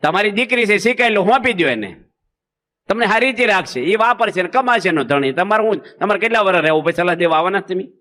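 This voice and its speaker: A man's voice: sits high, animated, fast talker, pushed and bright. A man, a monk giving a humorous sermon in a folksy style and acting out village anecdotes. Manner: folksy, acts out village anecdotes with quoted voices. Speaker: Swaminarayan monk preacher.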